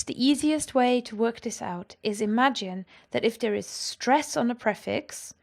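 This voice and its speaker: A woman with a slightly high voice gives a language lesson. She explains clearly and with enthusiasm. She pronounces each example word with care. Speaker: language teacher.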